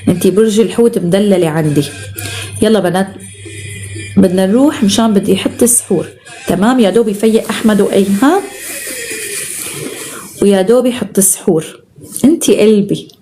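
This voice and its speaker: Fast-talking affectionate Syrian woman. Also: mid-range voice, dark tone, soft background music. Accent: Syrian Arabic. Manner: affectionate, showers viewers with endearments. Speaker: live-stream host. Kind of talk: casual chat reading viewer comments.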